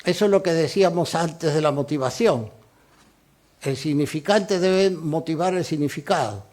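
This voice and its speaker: A man giving a measured university lecture on poetry, explaining meter and reading short verse examples slowly. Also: a little high, darkish tone. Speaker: lecturing poet. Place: lecture hall.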